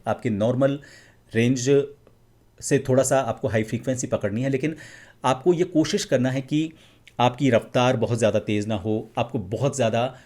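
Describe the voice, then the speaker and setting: A man, explaining voice techniques as a coach in a calm, measured teaching manner. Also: medium pitch. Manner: calm, measured teaching, demonstrating vowels and humming. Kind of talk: instructional explanation.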